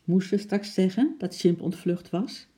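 A man reading a children's story aloud, lively and acting out the noises. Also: sits high, measured pace. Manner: lively, acts out sound effects.

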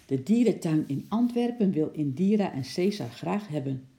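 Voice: medium pitch, expressive, moderate pace, vocal fry, dark tone. A reader voicing a cheerful father in a storybook, glad and matter-of-fact. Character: cheerful father running a zoo. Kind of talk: storybook reading.

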